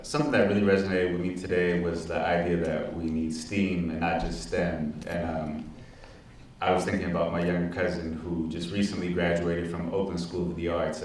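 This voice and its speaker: A man's voice: deep voice, slight background noise. A man in his twenties on a discussion panel, speaking earnestly and reflectively on a handheld mic in a large auditorium. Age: 20s. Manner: earnest, reflective, repeats words while thinking. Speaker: panelist, teaching artist. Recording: echoey hall, from far off.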